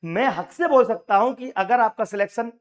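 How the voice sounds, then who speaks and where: A man with a high, hoarse voice speaks straight to exam candidates. He is emphatic and rallying, and he repeats his key points to drive them home. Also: normal speed. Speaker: coaching teacher and union leader. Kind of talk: direct address to exam aspirants.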